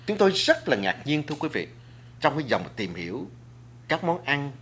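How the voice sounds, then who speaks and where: A man talks as a talk-show guest, his pitch rising and falling with lively swings as he lectures. He speaks earnestly and addresses the audience directly. He often restarts his sentences around filler words. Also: normal speed, slight background noise. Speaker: guest speaker on food and culture. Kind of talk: studio talk show discussion.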